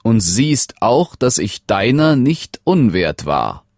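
A man voicing a gentle, proud young prince under a donkey's skin in a storybook reading. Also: mid-range voice, big pitch swings, slow, no echo, clean studio sound, voice pushed up, full character voice. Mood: tender.

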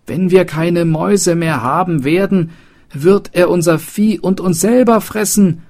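Brief: a man playing panicked townsfolk in a storybook, high and loud alarmed outcries. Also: a little slow. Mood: terrified.

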